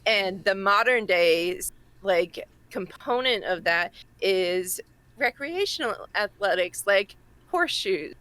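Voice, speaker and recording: A woman from Massachusetts, with that accent, talks casually as a podcast co-host. Her voice sits at a middle pitch and she explains things informally, feeling her way through phrases. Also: expressive, takes it slowly, a bit bright, dry recording. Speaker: podcast co-host presenting a segment. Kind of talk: casual chat.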